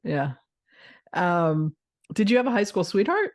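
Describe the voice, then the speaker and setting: Low-voiced woman interviewer. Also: sing-song, a little slow. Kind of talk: casual interview chat.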